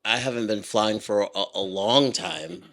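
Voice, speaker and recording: A man co-hosting a casual podcast chat, relaxed and steering the talk between segments. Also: lowish voice, measured pace. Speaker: podcast co-host.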